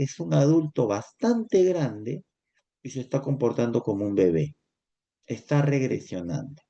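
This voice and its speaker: A male psychology teacher with a Peruvian Spanish accent, lecturing lively and acting out little dialogues in character voices. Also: mid-range voice, highs cut off. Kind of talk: lecture with acted examples.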